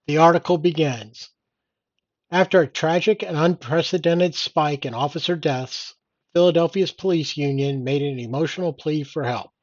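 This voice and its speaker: A man's voice: fairly high pitch, no echo, highs cut off. An older man reading out and commenting on news in an indignant, sardonic old-man rant. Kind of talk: opinionated read-aloud news commentary.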